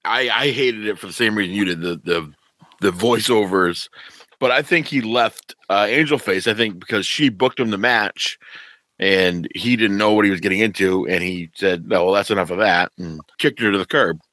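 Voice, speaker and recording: Male podcast panelist, lowish pitch, dry close sound, casual conversational delivery. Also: normal speed, pushed and bright, no room sound. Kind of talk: casual chat.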